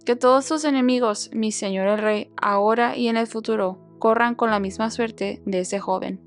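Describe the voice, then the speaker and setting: A woman reading the lines of a dutiful male messenger in a formal, even tone. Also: on the high side, normal speed, soft background music, natural voice.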